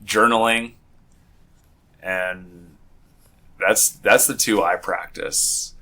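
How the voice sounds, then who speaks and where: A man's voice: fairly low pitch, steady tone, drawn-out words, pushed and bright. A man with a groggy morning voice hosting a casual podcast chat, rambling and often restarting his sentences. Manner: rambling, with frequent restarts and self-corrections. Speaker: podcast host.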